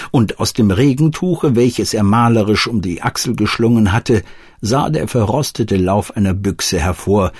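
A man narrates a classic adventure novel in a calm, measured storytelling manner. His voice sits low and carries a husky grain. The recording is dry and close, with no room sound. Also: dry recording. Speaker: audiobook narrator. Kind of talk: scripted narration.

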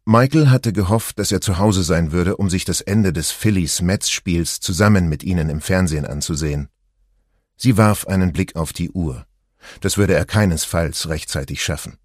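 Calm guy reading a novel, low voice, super dry close mic. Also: moderate pace, no echo. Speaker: audiobook narrator. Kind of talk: scripted narration.

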